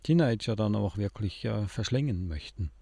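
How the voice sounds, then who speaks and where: A man's voice: fairly low pitch, animated, normal speed, vocal fry, dark tone, breathy edge, no room sound, studio quality. A man hosting a radio book discussion, hesitant with frequent fillers as he asks questions. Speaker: radio show host.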